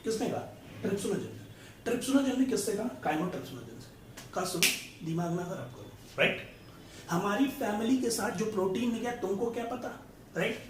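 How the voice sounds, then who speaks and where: Brief: high-voiced male tutor, playful analogies, echoey room. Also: expressive, normal speed, distant mic. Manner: asks the class checking questions, tells playful analogies. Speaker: biology tutor. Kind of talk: casual classroom explanation with stories. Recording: echoey room from off mic, faint noise.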